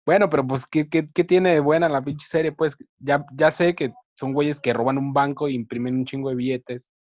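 A man with a Mexican accent in casual chat as a podcast co-host, relaxed, slangy and asking questions. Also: fairly high pitch, moderate pace, dry recording. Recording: dull, dry close mic.

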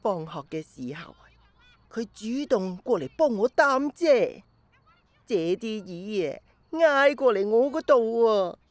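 An actress in a radio drama plays an elderly grandmother telling stories to a small child in Hong Kong Cantonese, slow and wistful, with nostalgic, playful fondness. Her voice is fairly high and animated. The recording has no echo.

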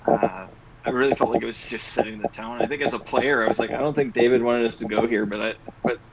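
A man's voice: medium pitch, quick pace, over a noisy crowd, poor audio. A man talking as a player in a tabletop game, thoughtful and hesitant, his remote call audio dropping out as he leans back from the mic. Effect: audio cutting out in dropouts. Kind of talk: casual chat about a tabletop game. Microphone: computer mic on a remote call, fading as he leans back.

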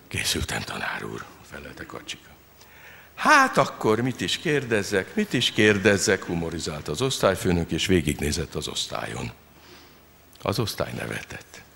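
A man reading his satirical story aloud in a dry, deadpan way. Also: deep voice, vocal fry, slight background noise. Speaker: reader of his own humorous story.

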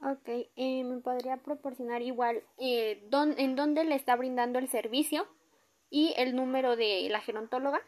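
A woman's voice: high-pitched, fairly even intonation, moderate pace, a little mellow, close to an everyday voice. A woman with a Mexican accent playing a courteous complaints officer in a role-play, using a polite, formal customer service voice. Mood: procedural, polite. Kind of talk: amateur acted role-play.

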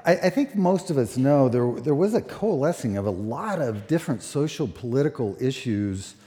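A man in his sixties, a pastor preaching a sermon at a pulpit microphone, relaxed and conversational with many fillers. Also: mid-range voice, moderate pace. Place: church sanctuary. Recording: echoey church hall.

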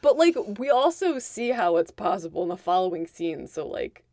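Profane animated woman recapping a movie. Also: lowish voice, moderate pace, no echo, clean studio sound. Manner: animated, profane, emphatic storytelling. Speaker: podcast co-host. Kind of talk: casual movie recap chat.

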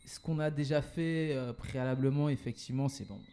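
Hesitant man with a mellow voice. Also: medium pitch, fairly even intonation, a little fast, smooth. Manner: hesitant, many fillers and restarts, mixes in English words. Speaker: guest, event organizer and entrepreneur. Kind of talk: casual conversational interview.

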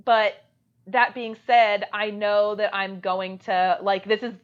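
Podcast co-host, woman, animated casual recapper, mid-pitched, slightly muffled recording. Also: slow, clean tone. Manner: animated retelling with acted-out quotes and laughter. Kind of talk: casual chat reviewing a movie.

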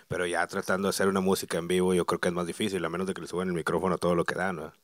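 A man with a Mexican accent co-hosting a podcast, making quick teasing remarks in casual chat. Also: low voice, little pitch movement, no room sound, clean studio sound. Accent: Mexican Spanish. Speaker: podcast co-host.

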